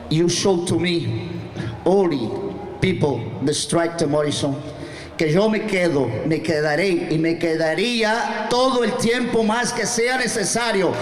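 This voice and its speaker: An older man from Portugal gives a fiery outdoor rally speech, his high voice rising into shouts. It rings through an echoey PA with a loud crowd and street noise behind him. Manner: impassioned, rising to shouts, broken English mixed with Spanish. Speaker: shop steward speaking at a rally.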